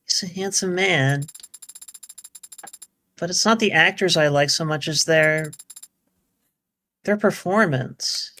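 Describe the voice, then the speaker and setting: Gentle earnest android girl. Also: deep voice, slow pace, long pauses. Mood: candid. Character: polite naive female android companion.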